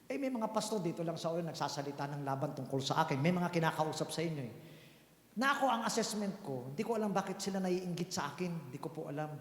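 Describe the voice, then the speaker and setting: A man's voice: a little high, lively intonation, fast talker. A man in his fifties preaching a sermon as pastor, talking conversationally and putting rhetorical questions to his congregation. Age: 50s. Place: church hall. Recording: echoey church hall.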